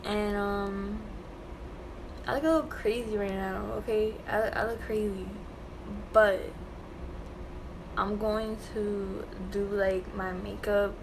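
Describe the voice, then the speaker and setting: A young woman with a slight lisp from a new tongue piercing, chatting casually through a makeup tutorial at home. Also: mid-range voice. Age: young adult. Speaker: makeup vlogger. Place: small bedroom at home, indoors. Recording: clearly noisy home room recording.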